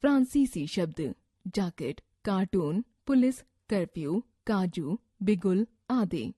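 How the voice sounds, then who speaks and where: A woman reading a scripted grammar lesson from a textbook, slowly listing word examples one by one. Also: medium pitch, expressive, dark tone, husky, no room sound, clean studio sound. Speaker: textbook narrator.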